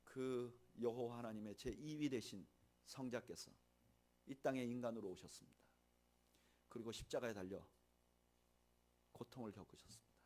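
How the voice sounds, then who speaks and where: A man preaching a sermon as pastor, swinging from loud, emphatic lines to soft, hushed ones, and slowing down to read scripture aloud. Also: mid-range voice. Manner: slow measured reading of scripture with the congregation. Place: church sanctuary.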